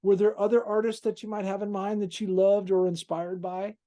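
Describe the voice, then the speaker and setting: A man's voice: sits high, flat delivery, a little fast, warm tone. A male interview host who talks in an effusive way, praising his guest and calling him brother. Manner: effusive, calls guest "brother", many "you know"s. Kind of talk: casual interview.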